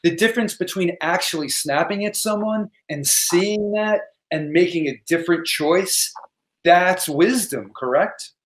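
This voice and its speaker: A man hosting an interview, reading student questions aloud and reflecting in a measured way. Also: high-pitched, slight background noise. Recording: echoey room.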